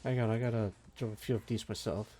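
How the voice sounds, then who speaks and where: A low-pitched male streamer chats casually on a home desk mic while working, soft, sleepy and meandering yet fast. He mumbles half to himself and trails off between remarks to viewers, with faint energetic soundtrack music underneath.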